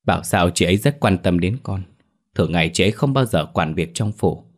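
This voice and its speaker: A man's voice: deep voice, lively intonation, brisk. A man voicing an earnest, tearful young orphan woman in a spoken storybook.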